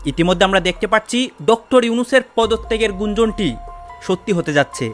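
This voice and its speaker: A man hosting an online news channel, greeting viewers and briskly introducing the story. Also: high-pitched, soft background music. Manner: brisk, repeatedly addresses viewers.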